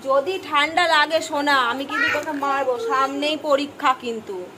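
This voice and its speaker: A woman's voice: sits high, fairly even intonation, normal speed, noisy background. A young woman filming a casual family vlog, chatting with her child and the viewers, teasing and scolding by turns. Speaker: mother and vlogger.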